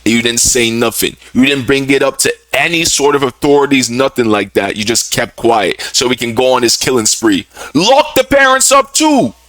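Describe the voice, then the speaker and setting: A man's voice: mid-range voice, fairly even intonation, fairly quick, hardly any pauses, a bit bright, no echo. A man reacting casually to a video, outraged and incredulous, talking in slang.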